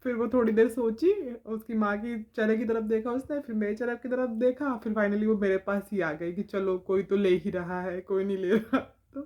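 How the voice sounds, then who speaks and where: A woman's voice: a little high, steady tone, moderate pace, few pauses, lo-fi sound. A woman vlogger telling a funny everyday story in a casual, chatty way, often laughing as she talks.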